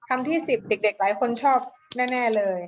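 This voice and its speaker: A woman teacher giving a dictation lesson to children, repeating each word slowly and syllable by syllable, with a coaxing, affectionate manner. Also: fairly high pitch, a crowd in the background. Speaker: primary school teacher.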